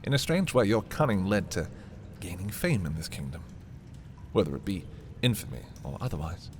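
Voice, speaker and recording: Voicing a menacing, haughty prince, a low-pitched male actor mocks a captive thief with a tone of mocking admiration, his pitch swinging widely. The dark fantasy audio roleplay is theatrical and condescending, full of dramatic pauses, with a little hiss or hum on the recording.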